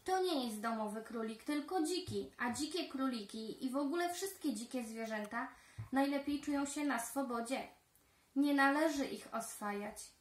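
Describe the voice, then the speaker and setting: A woman's voice: high-pitched, moderate pace, natural voice. A woman voicing a firm old grandfather who gives instructions in a children's story. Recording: roomy echo.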